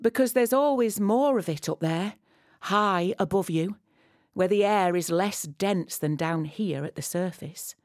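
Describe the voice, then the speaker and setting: A woman giving a poetic, scripted guided narration, intimate and close as if right in the listener's ear, measured and addressing the listener directly. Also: fairly low pitch, darkish tone, no room sound. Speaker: audio walk guide.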